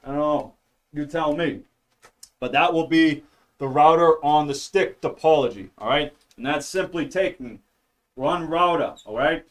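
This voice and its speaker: A man's voice: a little high, a little slow. A man teaching networking on a casual live stream, rambling and jokey, checking in with "all right?" and "okay?" after nearly every phrase. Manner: jokey, mutters to himself.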